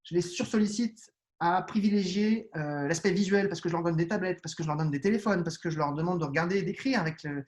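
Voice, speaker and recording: High-pitched and quick, a man who is a parent speaks as a guest in a neuroscience interview. He explains patiently, with plenty of hesitations and restarts along the way.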